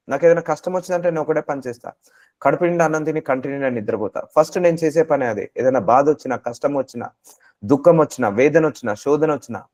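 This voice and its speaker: A man's voice: fairly high pitch, a little mellow. A man preaching a sermon, exhorting listeners with repeated phrases and English mixed in.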